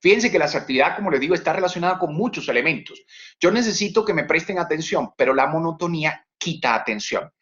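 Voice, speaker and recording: A communication trainer gives a webinar lecture, speaking fast and animatedly, swinging his voice high and low to demonstrate tone and repeating words for emphasis. The sound is lo-fi.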